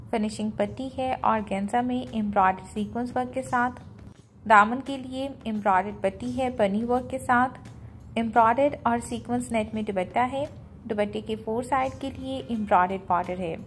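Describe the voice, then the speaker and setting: A woman presenting a clothing collection, going through each piece's fabrics, trims and price in a steady, itemized way. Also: on the high side, a little hiss or hum. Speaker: fashion product presenter. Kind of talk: product walkthrough.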